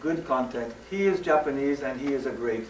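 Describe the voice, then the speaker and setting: A man from the West Coast of the United States giving a lively, joking stage presentation in plain, simple English. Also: medium pitch, fairly quick, slight background noise. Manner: lively, jokey, simple English for a Japanese audience. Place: large hall, recorded from afar. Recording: echoey hall, far from the mic.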